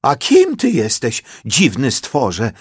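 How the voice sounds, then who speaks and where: A man's voice: medium pitch, wildly swooping pitch, slow pace, husky, no echo, clean studio sound, voice pushed up, exaggerated voice. A man voicing a cheerful, folksy grandfather of ninety-nine in a children's storybook. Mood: curious. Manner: exclaiming, folksy.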